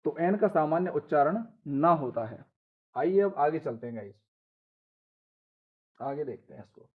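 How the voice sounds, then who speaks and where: A man with a fairly high voice gives a patient pronunciation lesson, spelling out words letter by letter and restating each rule. The sound is thin and tinny, like a phone line, and he keeps calling his viewers "guys". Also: animated, measured pace, slightly rough. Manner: explains step by step, repeating rules and spelling out letters. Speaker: English pronunciation teacher. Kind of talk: Hindi classroom-style lesson.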